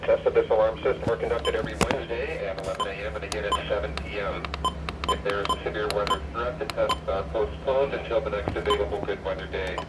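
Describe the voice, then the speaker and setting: A synthetic male voice reading an automated weather radio emergency test in an even, measured way, played through a speaker. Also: lowish voice. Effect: weather radio broadcast played through a speaker. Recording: distant speaker with loud background noise.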